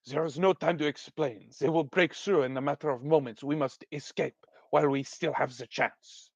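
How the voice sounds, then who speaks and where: A man voicing a haughty, hurried corrupt female artisan in a put-on French accent, speaking in a hiss. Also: on the high side, fairly even intonation, no echo, highs cut off. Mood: hissed urgency. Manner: hissing, curt.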